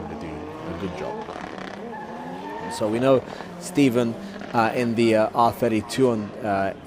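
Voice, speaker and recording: A man with a slightly low voice calls motorsport action live. He explains as he goes in a measured, conversational way. Clear car and outdoor noise runs behind him. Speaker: commentator and drift driver. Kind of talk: live motorsport play-by-play commentary with casual chat. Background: cars and outdoor ambience.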